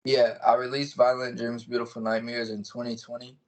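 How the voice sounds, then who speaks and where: A man's voice: medium pitch, little pitch movement, brisk. A man in his twenties chatting casually as an interview guest, explaining things in plain words. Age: 20s. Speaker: music artist being interviewed. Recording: dull, lo-fi call audio.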